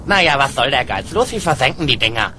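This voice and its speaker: In an animated comedy dub, a man with a natural, mid-range voice plays a dull, crude, bossy teenage slacker. The character is dismissive, with slow-witted, drawn-out hesitations, and the recording is very noisy.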